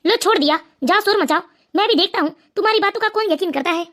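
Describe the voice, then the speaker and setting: A woman's voice: very high voice, fast, fairly bright tone. A woman voicing a smug, mocking young son-in-law in a cartoon family story. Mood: sneering.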